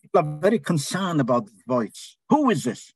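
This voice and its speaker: A man's voice: a little high, sing-song, a little mellow, breathy edge, no echo. A man preaching a sermon, calling out phrases for the congregation to repeat and stretching out key words for emphasis. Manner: call-and-response preaching, drawn-out emphatic phrases.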